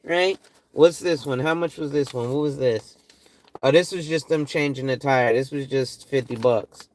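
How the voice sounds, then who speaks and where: A man's voice: medium pitch, moderate pace. A tired man in his forties, a financial advisor talking loosely and profanely through money tips, often checking in with "right?". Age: 40s. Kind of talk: casual talk reading through financial tips.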